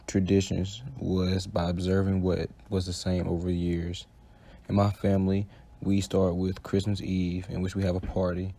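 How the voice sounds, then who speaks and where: A man reading a personal essay for a class project, slow and steady. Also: low voice, creaky. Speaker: student presenter.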